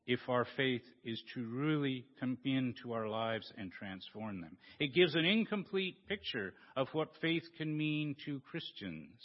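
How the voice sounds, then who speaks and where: A man preaching a sermon in a church, slow and deliberate, with a lively, rising-and-falling voice pitched a bit high. His words carry a long echo through the sanctuary on a dull, lo-fi recording. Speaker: pastor.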